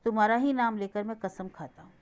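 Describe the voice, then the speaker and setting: A woman's voice: medium pitch, darkish tone, clean tone, natural voice. A woman reading a remorseful young man pleading. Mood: earnest pleading. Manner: earnest, pleading, measured.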